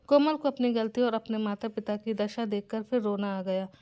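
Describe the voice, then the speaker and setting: A woman narrating an emotional family moral story in a gentle, scripted way. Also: on the high side, moderate pace, smooth.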